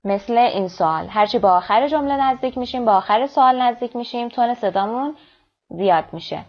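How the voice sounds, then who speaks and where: A woman gives a bilingual language lesson and pronounces each English example slowly and with care. She switches to brisk, quick explanations between the examples. The recording is dull and lo-fi. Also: a little high. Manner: reads English lines slowly and clearly, then explains quickly. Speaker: English teacher.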